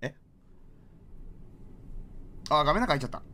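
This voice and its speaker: A man streaming a horror game, reacting with excitable, jumpy outbursts and rapid joking asides. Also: a little high, slight background noise. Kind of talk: live horror game commentary.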